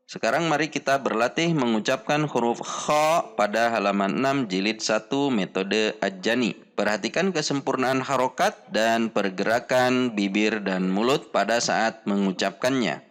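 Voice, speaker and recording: A man with an Indonesian accent teaching Quran letter pronunciation in a slow lesson, drilling each sound again and again. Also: fairly low pitch. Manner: slow, deliberate, demonstrates sounds repeatedly.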